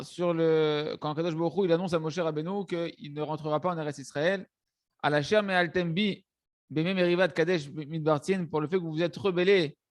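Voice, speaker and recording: A man a rather high voice teaches a religious text, checking in his listeners as he goes. He restarts phrases often and mixes in words. The recording is close and dry. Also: no room sound. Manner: hesitant restarts, frequent "hein" and "d'accord" checks. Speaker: Torah teacher. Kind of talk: religious lesson explaining a text.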